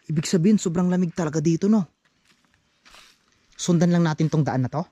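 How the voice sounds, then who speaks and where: A man vlogging as he explores an abandoned forest site outdoors, talking in tense, hushed phrases. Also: on the high side, fairly quick, breathy edge, no room sound, muffled recording. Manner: tense, wary, talks in short hushed phrases. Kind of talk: hushed exploration vlog narration.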